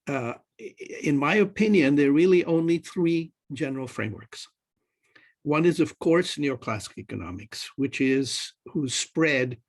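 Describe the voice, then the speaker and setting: A man from Pakistan arguing a point in an academic panel talk over a video call, measured and lecturing. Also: medium pitch, creaky. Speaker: panelist economist.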